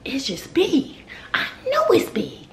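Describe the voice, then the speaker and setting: Whispering slowly, this middle-aged American woman chats to camera in her home kitchen, her extremely high voice swinging hugely in pitch. She's sassy, emphatic, and funny, repeating things for effect. The recording, from a handheld or nearby camera at arm's length, has room echo and obvious background noise.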